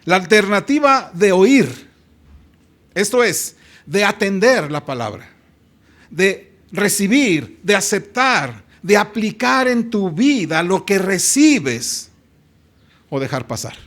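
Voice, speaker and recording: A man's voice: high-pitched, very animated, takes it slowly, a bit bright. A man with a Mexican Spanish accent preaching a sermon in a church, stretching out key phrases and calling on the congregation to read along. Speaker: pastor.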